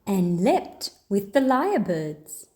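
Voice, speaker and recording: In an expressive, deliberate manner, a woman with a mid-range voice reads a children's picture book aloud as a storyteller.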